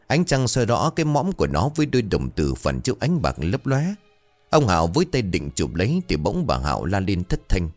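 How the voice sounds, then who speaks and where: Brief: male storyteller for a spooky tale, deep voice swinging widely, soft music underneath. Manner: suspenseful, dramatic. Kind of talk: scripted horror story narration.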